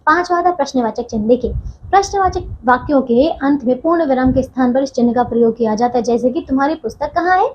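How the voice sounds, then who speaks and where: A woman's voice: high voice, fast talker, darkish tone, dull audio, slight background noise. A woman teacher giving a grammar lesson to young children, patient, often repeating and checking that they understand.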